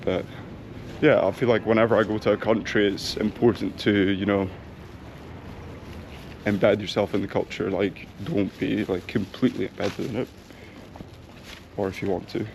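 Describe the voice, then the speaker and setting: The young travel vlogger's fairly low, creaky voice moves at a moderate pace with even intonation and frequent pauses. He muses aloud with lots of ums as he walks the town streets and visits a bakery, filmed on an action camera that captures traffic and noisy town ambience.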